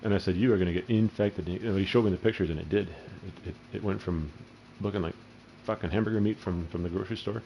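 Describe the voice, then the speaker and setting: Man, very low voice, crude rambling gameplay commentator. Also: steady tone, fast talker, gravelly, few pauses, dark tone, a little hiss or hum, low-quality recording. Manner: crude, profane, rambling storyteller. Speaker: gaming channel host.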